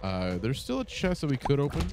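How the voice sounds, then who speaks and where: A man's voice: medium pitch, huge pitch swings, a little fast, background noise. A man with a congested voice giving casual, rambling gameplay commentary at home, swearing often and full of fillers. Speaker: gaming channel host. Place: home setup with monitor.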